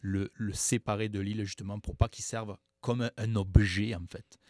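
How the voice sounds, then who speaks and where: A man's voice: lowish voice, little pitch movement, normal speed, a little mellow, no room sound. A man co-hosting a radio show, casually and chattily retelling a film plot in a studio.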